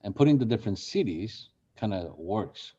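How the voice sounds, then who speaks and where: A man's voice: on the low side, lively intonation, moderate pace, dark tone, husky, lo-fi sound. A man who grew up in Brazil, leading a real estate marketing workshop in a conversational way and asking the group questions. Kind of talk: interactive workshop teaching.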